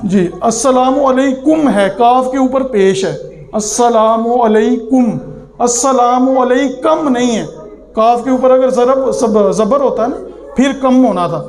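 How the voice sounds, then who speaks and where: A man giving a religious lesson, slowly drawing out words to drill their correct pronunciation. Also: very high voice, a little mellow, reverberant. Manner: slow, drawn-out pronunciation drills. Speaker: religious teacher.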